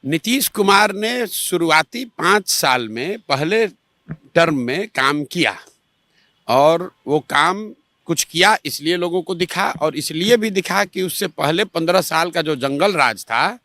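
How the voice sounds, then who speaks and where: जोशीले बिहारी लहजे वाला आदमी. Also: male voice, a little high, animated, unhurried, pushed and bright, no room sound, studio quality. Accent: Bihari Hindi. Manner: emphatic, rhetorical, quotes others in mock dialogue. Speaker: party spokesman interviewed. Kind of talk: animated political argument. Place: Patna, Bihar.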